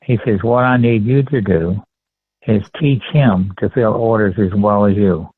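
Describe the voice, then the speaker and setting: Over thin, tinny phone-line sound, a Texan-accented man in his 70s from rural Texas, USA, recalls memories as an interview guest, speaking conversationally, politely and deliberately with halting pauses. His lowish voice has a breathy edge, and there is no room sound.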